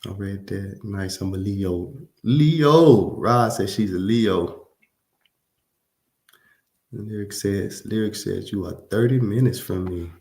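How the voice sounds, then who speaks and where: A man from Louisiana with a drawl hosts a livestream, chatting loosely with his viewers. His voice sits low and his speech is easygoing and full of slang. The room around him rings with echo. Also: slow, gravelly, darkish tone. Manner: laid-back, slangy, talks straight to viewers. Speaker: livestream host. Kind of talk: casual livestream chat reading comments.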